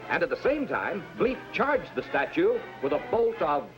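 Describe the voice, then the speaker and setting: A man's voice: fairly high pitch, big pitch swings, moderate pace. A man playing an earnest, dramatic storyteller, narrating a children's adventure in vintage 1950s cartoon style. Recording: dull vintage cartoon soundtrack with music.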